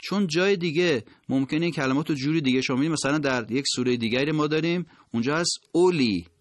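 A man teaching recitation. He explains pronunciation rules, then slowly and carefully sounds out each word as an example. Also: fairly high pitch, no echo, clean studio sound.

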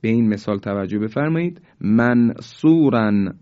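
A male teacher giving a recitation lesson, explaining quickly and then reciting each example slowly and drawn out. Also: fairly low pitch, expressive. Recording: dull lo-fi recording.

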